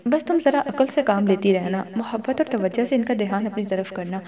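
A woman's voice: mid-range voice, dark tone, lightly acted. A woman voicing a proud young wife in an audio novel, speaking in short, guarded lines. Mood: teasing. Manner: cold, clipped replies.

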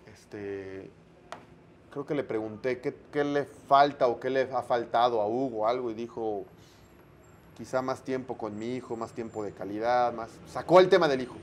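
A Mexican man, a sports broadcaster, telling lively anecdotes in a casual interview, full of slang and acted-out dialogue. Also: medium pitch, normal speed, slight background noise.

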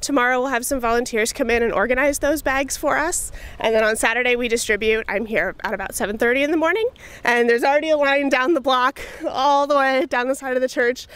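Woman, 30s, pantry coordinator. Slightly high pitch, chatty and practical, lots of ums. Handheld mic, outdoor and indoor interview. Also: a little fast, fairly bright tone, clear, resonant tone. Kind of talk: casual explainer interview. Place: outdoors beside a brick church, later inside a pantry room. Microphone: handheld lapel mic held up to the mouth.

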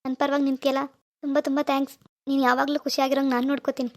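A woman voicing a pleading cartoon husband. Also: very fast. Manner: pleading, apologetic, flat pitch. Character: remorseful husband pleading with his wife. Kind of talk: cartoon voice acting.

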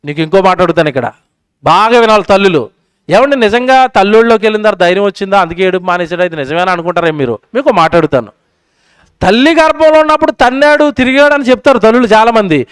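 A male preacher giving a sermon at a public meeting, quizzing the crowd and swinging between loud and soft. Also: high-pitched, animated, fast, clean tone, dry recording, clean studio sound.

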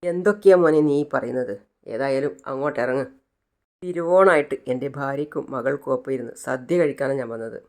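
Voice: mid-range voice, fairly quick, close to an everyday voice. A narrator voicing a weary middle-aged father in a serial retelling, speaking bitterly in a near-ordinary voice. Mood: puzzled.

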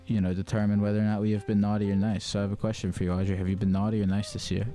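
A man's voice: fairly low pitch, little pitch movement, very fast, dark tone, faint music behind. A young man hosting a call-in show from a home studio, chatting casually in a laid-back, rambling, joking way into a stand mic. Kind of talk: casual call-in advice chat.

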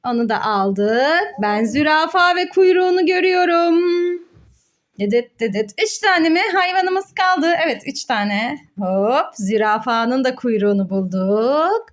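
A woman with a high, expressive voice speaks at a measured pace, playing a mother hosting a children's play video. She's encouraging and full of questions and exclamations in this playful, educational chat with her child and the viewers.

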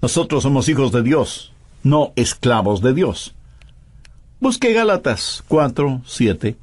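A man's voice: mid-range voice, very animated, slow, darkish tone. A man preaching a sermon in a voice-over, emphatic and full of pointed rhetorical questions.

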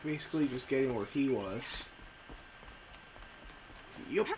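A man's voice: mid-range voice, unhurried, a little hiss or hum, low-quality recording. A man giving casual, sweary let's play commentary, muttering informally to himself as he plays. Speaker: gamer playing through an adventure game. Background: game music.

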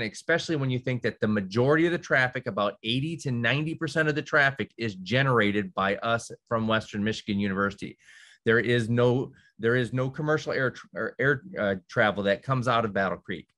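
Speaking for a college in a casual virtual presentation to counselors, a man with a medium-pitched, slightly bright voice comes through a video call. He often restarts and uses lots of fillers, slipping in the odd sarcastic, dry comment.

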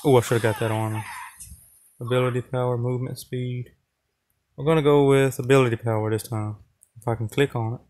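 A man's voice: medium pitch, steady tone, brisk, long pauses, darkish tone, no echo. Trash-talking gamer guy, home mic. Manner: trash-talking, playful, talks to the viewers. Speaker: gaming channel host. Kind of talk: casual gameplay commentary.

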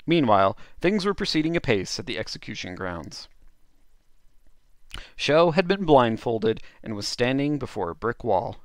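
Male narrator, storybook dub, playful, lively pitch, dry close sound. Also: moderate pace, no room sound. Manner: playful, chuckling asides. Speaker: narrator and host.

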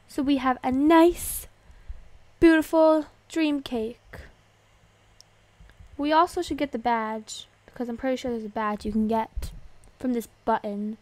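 A young woman giving casual, excitable commentary as she plays a video game, gasping and squealing at surprises. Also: high-pitched. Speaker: gaming video host.

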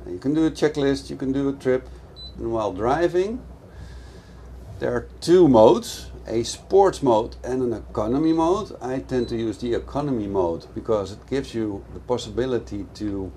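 A middle-aged man explains things eagerly, his voice sitting in an ordinary middle register. He is recorded aboard a moving motorboat. Loud engine and wind noise run under everything he says. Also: mid-range voice, lively intonation, moderate pace. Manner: enthusiastic, explanatory, speaks over engine noise. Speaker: boat dealer giving a product review. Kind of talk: casual product walkthrough. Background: boat engine and water noise.

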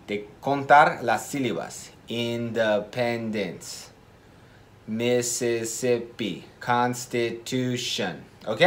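Male English teacher, casual video lesson, slow and deliberate, repeats words, mid pitch, small slips in his Spanish.

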